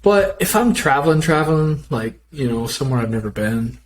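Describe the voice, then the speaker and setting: A man's voice: a little high, lively intonation, a little fast, a little hiss or hum, low-quality recording. A man with a Minnesota accent co-hosting a fitness podcast in casual, joking, self-deprecating chat. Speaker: podcast co-host.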